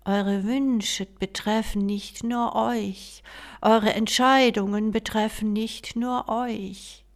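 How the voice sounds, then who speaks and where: A sober court jester admonishes the prince in a serious whisper, as a woman voices him. It is a whispered role-play, slow with a gravelly texture. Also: medium pitch, steady tone. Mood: admonishing. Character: sober male court jester, wise advisor.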